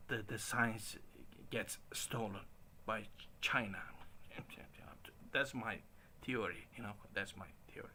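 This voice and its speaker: Late 40s guy, lowish voice, rambles and stumbles over words, faint hiss behind. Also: pushed and bright. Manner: halting, many restarts and chuckles. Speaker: stream host. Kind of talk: casual rambling monologue.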